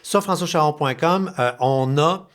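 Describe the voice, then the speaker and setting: A man with a Québécois accent hosting a podcast, talking in an animated, colloquial way with casual swearing. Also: fairly high pitch, a little slow. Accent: Québécois French. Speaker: podcast host.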